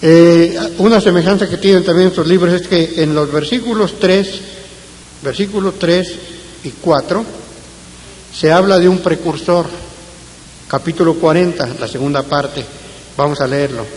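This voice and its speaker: A man preaching a Bible-study sermon, reading scripture aloud in a measured way and letting his phrase endings fall away softly. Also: fairly high pitch. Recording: long reverb with faint hiss.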